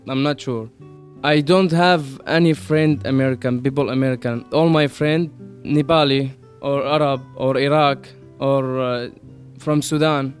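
A teenage boy from Syria, native Arabic speaker, telling his story haltingly while searching for English words. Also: mid-range voice. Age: teens. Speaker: student interviewee. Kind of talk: interview testimony.

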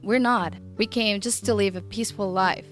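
Teenage girl, from Syria, Arabic native, earnest interview talk, average pitch, faint guitar. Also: steady tone, normal speed. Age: teens. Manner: direct, earnest, speaks English as a second language. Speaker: student interviewee. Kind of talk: interview testimony.

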